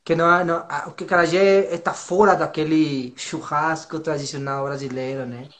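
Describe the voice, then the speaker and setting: A man chatting as a guest in Portuguese, often pausing and hunting for words, then speeding up when he finds them. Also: fairly high pitch. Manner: hesitant, searching for words, lively and laughing. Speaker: foreign guest learning Portuguese. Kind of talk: casual conversational interview.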